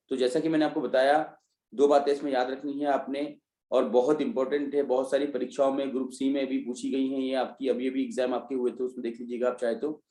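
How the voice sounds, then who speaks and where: A man's voice: mid-range voice, mellow, echoey room. A man teaching an online revision class, explaining step by step and answering his own questions. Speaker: Hindi teacher. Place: online class, students joining remotely.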